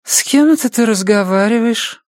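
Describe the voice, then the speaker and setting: A man's voice: high voice, moderate pace, dry recording, clean studio sound, pitched above the performer's own voice, close to an everyday voice. A man reading aloud and voicing a drowsy, drunk mother who mumbles and slurs her words. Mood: drowsy menace. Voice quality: sleepy, slurred, mumbling.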